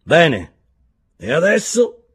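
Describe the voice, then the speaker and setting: A man voicing a hoarse criminal who shouts orders from the upper bunks, raspy and bossy. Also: a little high, wildly swooping pitch, very slow, voice pushed up, full character voice. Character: hoarse loud barracks criminal calling from above.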